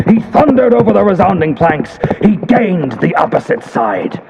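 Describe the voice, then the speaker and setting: A man with a mid-range voice narrates a scripted story with emphasis, in the theatrical, suspenseful style of classic radio horror drama. His voice comes through dull, lo-fi audio with background noise, under loud sound effects of ambience and horse hooves.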